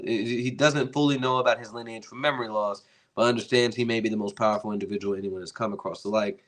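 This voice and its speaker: A young man hosting a casual commentary stream, reading fan-written character entries aloud and stumbling over long invented words, then thinking aloud about them. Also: medium pitch. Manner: reads quoted text, then adds his own remarks. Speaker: host.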